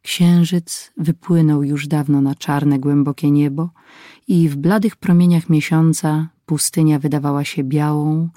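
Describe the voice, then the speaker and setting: Adventure audiobook narrator, even and mellow, dry sound. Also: medium pitch, a little slow, dry recording.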